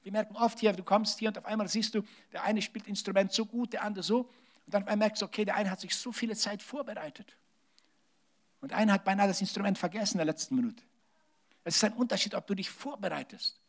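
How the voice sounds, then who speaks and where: Male preacher, high voice, animated sermon that drops to near-whispers. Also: quick pace. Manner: animated preaching with large swings in loudness, drops to hushed tones. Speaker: pastor.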